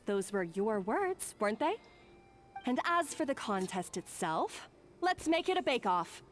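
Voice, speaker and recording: Brief: a cocky young rival chef, taunting, lively delivery. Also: female voice, on the high side, measured pace, faint music behind. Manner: taunting, challenging. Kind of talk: game voice acting.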